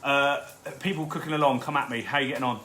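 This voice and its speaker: A man's voice: medium pitch, fairly even intonation, quick pace, bright, forceful tone. A man hosting a live cook-along from his home kitchen, chatting loosely with viewers and swearing freely. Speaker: home cooking host. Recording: roomy kitchen with background noise.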